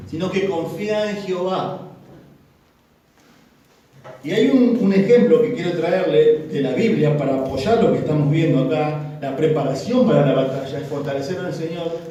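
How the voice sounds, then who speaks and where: A woman's voice: lowish voice, warm tone. A woman preacher, giving an emphatic sermon and asking the congregation questions. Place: church hall. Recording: echoey church hall, from far off.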